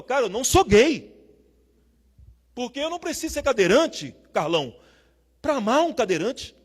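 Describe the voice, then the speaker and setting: A man preaching a sermon with strong emotion, moving between loud emphasis and hushed storytelling. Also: high-pitched. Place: theater hall. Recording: preaching in a hall with long reverb.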